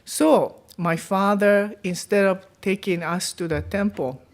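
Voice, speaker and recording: A woman's voice: mid-range voice, a little slow. A middle-aged woman from Japan with a Japanese accent, a guest minister giving a chatty, self-deprecating Dharma message in a temple.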